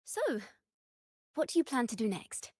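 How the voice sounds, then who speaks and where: A woman playing an eager, excitable young female companion in a video game, with expressive storytelling delivery. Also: on the high side, moderate pace, husky, no echo, clean studio sound. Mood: informative, curious. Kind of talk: scripted video game dialogue.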